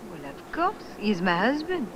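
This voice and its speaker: An actress playing a flirtatious, teasing singer who talks coyly. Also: female voice, mid-range voice, big pitch swings, normal speed, noisy background, close to an everyday voice. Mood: flirty. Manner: coquettish, teasing. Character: flirtatious singer, coy and playful. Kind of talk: film acting. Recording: film soundtrack with music.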